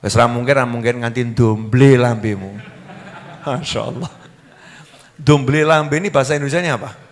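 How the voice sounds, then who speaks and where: Male preacher, sermon, rises to loud calls then drops low, fairly high voice, long hall echo. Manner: animated, swings between loud exhortation and quiet storytelling.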